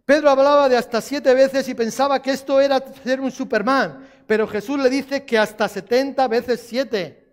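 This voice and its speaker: Man preaching a sermon, high voice, emphatic and repetitive, questions to the crowd. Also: steady tone, moderate pace. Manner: emphatic, repeats key phrases, asks the congregation questions.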